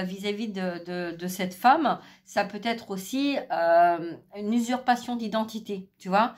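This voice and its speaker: A middle-aged woman giving a spiritual card reading, hesitant with many fillers, speaking softly because she is losing her voice. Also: mid-range voice. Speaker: tarot card reader.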